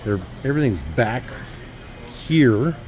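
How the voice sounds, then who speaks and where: A man's voice: mid-range voice, sing-song, takes it slowly, a little mellow. A man giving a casual walkthrough of a repair shop, rambling with lots of uhs and restarts. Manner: rambling, filler-heavy, with restarts. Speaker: vlogger giving a shop update.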